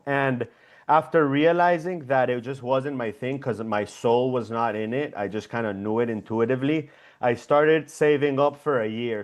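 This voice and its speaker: A young man from Venezuela speaks as a guest founder on a casual interview over a video call. He talks reflectively and rambles a little, with plenty of fillers. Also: medium pitch.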